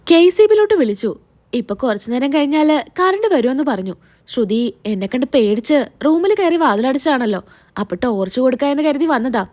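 A woman's voice: high-pitched, a little mellow. Scheming pushy young man, as a woman reads him. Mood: excusing. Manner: coaxing, then threatening.

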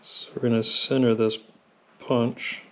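A man talking through a mechanical repair in a home workshop, relaxed and halting with frequent fillers, recorded on a camera filming his hands. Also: mid-range voice. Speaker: mechanic demonstrating engine rebuild. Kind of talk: casual workshop tutorial. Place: home workshop at a drill press.

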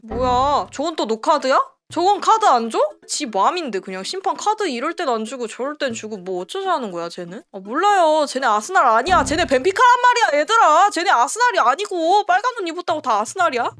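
A woman streaming a live football match reaction, emotional and swearing, yelling at the players. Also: sits high.

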